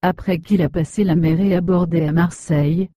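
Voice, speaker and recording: A woman's voice: on the low side, normal speed, dry recording, natural voice. Woman reading as kindly wise old guide. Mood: gentle. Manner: calm, gently admonishing. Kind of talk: storybook reading.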